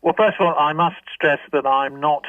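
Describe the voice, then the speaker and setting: A man playing a flat evasive phone-in caller. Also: fairly high pitch, normal speed, no echo, lightly acted. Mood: matter-of-fact. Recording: dry tinny phone line.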